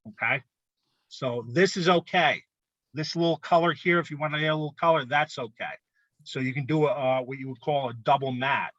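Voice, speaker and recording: A man presenting rules to an art club in a casual instructional talk, often pausing to ask "okay?". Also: fairly high pitch, a bit bright, no echo, highs cut off. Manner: conversational, frequent "okay?" check-ins.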